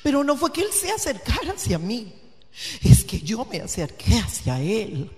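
A woman pastor preaches with fervor, dropping to near-whispers and then building to loud, emphatic peaks. Her voice rings out with the long reverb of a church hall. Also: fairly high pitch, huge pitch swings, normal speed. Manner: passionate, swinging from hushed to loud and emphatic. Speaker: guest pastor. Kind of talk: sermon.

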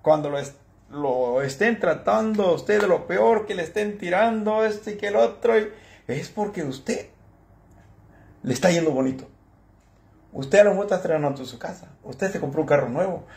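Gravelly, higher-pitched man. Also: moderate pace. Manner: animated storyteller who acts out other people's lines. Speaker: channel host. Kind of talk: casual monologue to camera.

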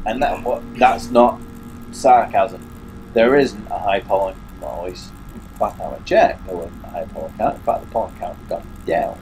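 This English gaming YouTuber, from England, has a lowish voice and speaks at a normal speed against background noise. In casual let's play style, he commentates a horror game, grumbling and muttering to himself while stuffy-nosed and hiccuping.

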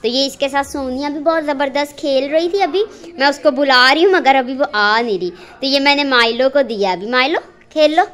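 A woman's voice: high-pitched, normal speed, hardly any pauses, fairly bright tone. A woman, chatting affectionately through a casual home vlog about her cats and kitchen. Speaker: vlogger. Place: home kitchen and rooms, indoors.

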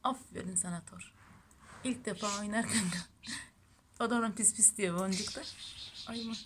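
At home with her cats, a pet channel host coos affectionately in baby talk and chats to viewers for a casual vlog. Her voice is medium in pitch at a moderate pace, and background noise can be heard.

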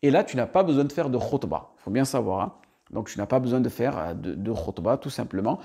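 A man's voice: medium pitch, animated, fairly quick, dark tone, husky. A man teaching prayer steps one by one, talking straight to the listener with frequent "d'accord" and "très bien" check-ins. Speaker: religious teacher. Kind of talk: step-by-step prayer instruction.

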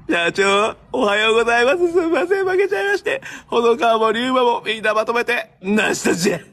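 Brash teasing Kansai man, high lively voice. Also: brisk. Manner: teasing, brash, playful insults. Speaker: live streamer. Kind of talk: banter on a live stream battle.

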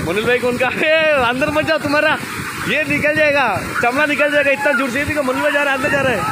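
A man filming a casual travel vlog outdoors by a loud waterfall, excited and jokey, often repeating himself. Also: extremely high pitch. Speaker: vlogger. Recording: noisy outdoor recording. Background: waterfall roar and ambience.

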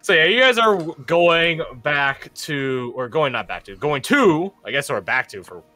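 A man's voice: fairly high pitch, very animated, unhurried, sharp tone, soft background music. A young man in casual chat, telling a rambling story and running a tabletop game as game master, with lots of fillers and restarts.

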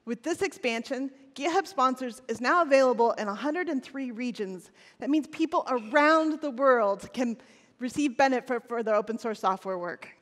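A woman's voice: on the high side, moderate pace. A woman in her forties on a large conference stage, giving a scripted, earnest keynote with a few restarts. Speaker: keynote presenter. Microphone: headset or lapel mic on stage. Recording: long hall reverb.

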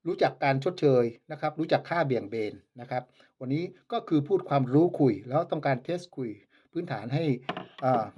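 A man's voice: mid-range voice, dull audio. A man who makes flutes, demonstrating and selling them in a casual vlog, polite but scornful of his rivals. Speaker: flute maker.

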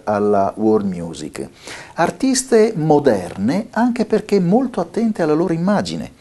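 Middle-aged man, mellow low voice, animated delivery, lapel mic, studio presenter. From Italy. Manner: lively, with frequent filler pauses. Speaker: concert season presenter. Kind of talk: presenting a concert from notes. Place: bright studio office, seated at a desk.

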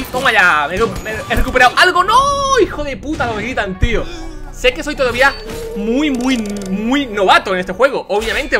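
A young man with a Spanish accent commentating a video game he is playing, casual, excitable, shouting and swearing when things go wrong. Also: extremely high pitch. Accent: Spain. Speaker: gaming youtuber. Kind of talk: casual let's play commentary.

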